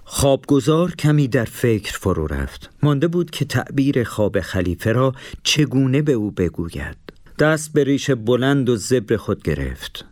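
A man narrating a storybook in a steady, measured way. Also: medium pitch, dry recording, clean studio sound.

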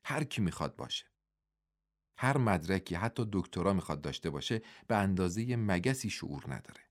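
A man's voice: sits low, expressive. Intense young male wrestler with mystic beliefs, earnest and preachy, read by a male narrator.

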